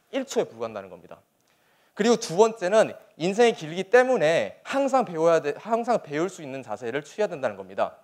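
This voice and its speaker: Young male soldier as motivational speaker: high register, very lively intonation, earnest and emphatic public delivery. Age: young adult. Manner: earnest, emphatic, rhetorical questions. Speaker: soldier giving a motivational speech. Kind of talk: motivational public speech to an audience.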